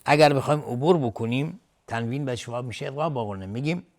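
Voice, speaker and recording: A man teaching Quran recitation, chanting verses slowly and melodically, then explaining the rules in quick, lower speech. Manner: melodic slow chanting, then rapid low-voiced explanations.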